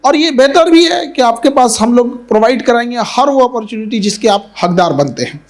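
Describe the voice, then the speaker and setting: A teacher giving an earnest motivational speech to students, repeating key points and mixing in English phrases. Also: male voice, extremely high pitch, lively intonation, fairly quick.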